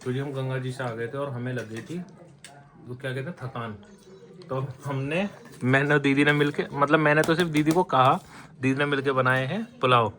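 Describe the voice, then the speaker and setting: A man's voice: medium pitch, fairly even intonation, normal speed, pushed and bright. A man narrating his family vlog casually on the move, giving running commentary to the camera. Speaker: family vlogger. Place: outdoors and around the home, on the move. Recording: noisy phone vlog audio.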